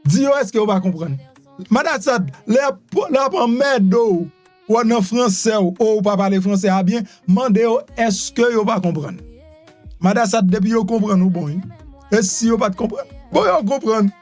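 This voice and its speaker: A Haitian man with a Haitian accent giving animated immigration news commentary, repeating himself and asking rhetorical questions. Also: high-pitched, normal speed, faint music behind. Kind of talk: news commentary mixing Creole, French and English.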